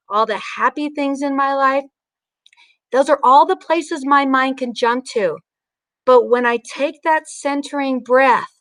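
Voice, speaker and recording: A woman teaching mindfulness and guided breathing in an informal, instructional way, leaving pauses between her phrases. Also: high voice, a bit bright, smooth, dry recording. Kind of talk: guided breathing meditation and informal spiritual talk.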